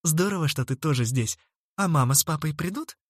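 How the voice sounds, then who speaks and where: A man's voice: fairly high pitch, expressive, brisk, dry recording, studio quality. A man voicing a friendly, chatty young woman at a dance. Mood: cheerful.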